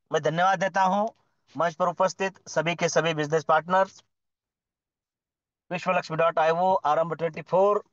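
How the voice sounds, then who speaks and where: A man's voice: a little high, dry recording. A man giving a motivational address at a business community meeting, formal and effusive, lavishing praise on leaders and tossing in rhetorical questions. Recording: dull lo-fi dry audio.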